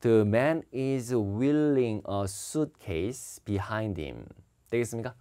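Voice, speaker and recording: A male instructor gives a lecture facing the camera, with a very lively, swooping pitch. He repeats key words and leans on them hard, drilling each one in. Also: very slow. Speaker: TOEIC instructor.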